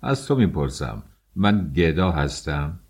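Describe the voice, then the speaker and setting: A man reading an audiobook, voicing a pompous, short-tempered man posing as an inspector, scolding in a low voice. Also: very animated, darkish tone, husky, exaggerated voice. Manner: haughty, scolding.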